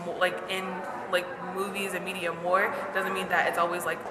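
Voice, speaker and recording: A woman's voice: on the low side, flat delivery, normal speed, a crowd in the background. A young woman asking interview questions in a casual, chatty way. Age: young adult. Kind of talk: documentary interview. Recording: roomy echo.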